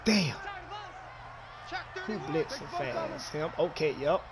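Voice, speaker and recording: A man's voice: fairly high pitch, expressive, slow pace. A man streaming a football video game, cursing and trash-talking his opponent as he plays. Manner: profane, rowdy, shouts and jeers at his opponent. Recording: loud stadium crowd noise from the game.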